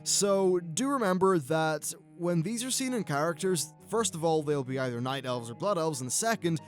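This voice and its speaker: A man's voice: a little high, animated, normal speed, soft background music. A man with a British accent giving casual, conversational and opinionated commentary as a gaming video host.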